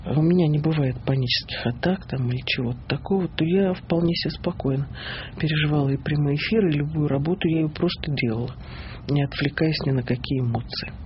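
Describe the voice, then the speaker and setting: A woman from the Kemerovo region talks as an interview guest, unhurried and sure of herself as she tells her story. The audio sounds a little dull, with a faint hiss running underneath. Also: low-pitched. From Kemerovo region, Russia.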